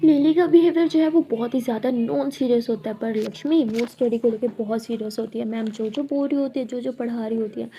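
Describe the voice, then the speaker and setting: A woman storyteller narrating a story in a soft, conversational way. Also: fairly high pitch, fairly even intonation, fairly quick, hardly any pauses, highs cut off.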